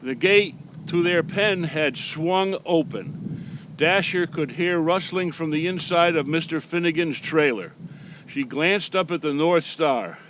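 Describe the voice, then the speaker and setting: A kindly old Santa Claus played by a man reads a children's storybook. His voice sits a little high for a man, and he is agreeable and unhurried. There is faint noise behind him. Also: a bit bright, rough recording. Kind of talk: read-aloud storytelling for young children. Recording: background noise.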